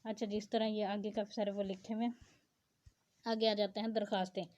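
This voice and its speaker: A woman's voice: mid-range voice, level tone, fairly quick, a little mellow. A woman teacher reads out a grammar lesson and explains it in plain asides. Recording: dull lo-fi sound.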